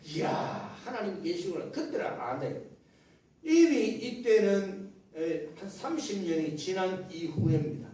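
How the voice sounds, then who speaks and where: A man preaching a Sunday sermon as pastor, telling scripture stories in a lively way and asking the congregation questions he then answers himself. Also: high voice, unhurried. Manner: lively storytelling retelling of scripture. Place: church sanctuary. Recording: very echoey church hall, mic at a distance.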